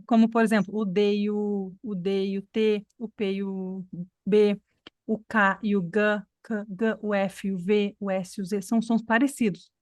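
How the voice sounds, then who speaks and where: A woman's voice: medium pitch, level tone, normal speed, a little mellow, dry recording, clean studio sound. A woman from Brazil teaching an online English class, explaining patiently and checking in with her students. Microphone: computer mic on video call.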